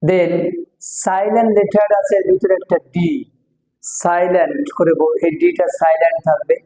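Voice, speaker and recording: A man giving a slow, step-by-step language lesson, repeating words syllable by syllable. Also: high voice, fairly even intonation, dark tone. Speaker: English teacher. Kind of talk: slow recorded lecture. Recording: echoey room with long reverb.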